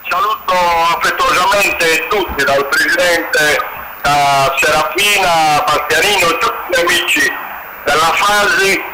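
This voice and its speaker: A man from Sardinia, president of a farmers' association, heard over a phone on speakerphone and giving a measured, earnest greeting to a conference. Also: on the high side. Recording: noisy phone line on speakerphone.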